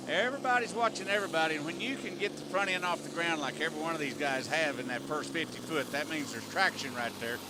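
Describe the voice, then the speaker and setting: A man's voice: fairly high pitch, fast, few pauses. A man calling a tractor pull as an announcer, in a folksy, colloquial way with clipped phrases. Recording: loud engine and vehicle noise. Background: roaring engines, outdoor vehicle noise.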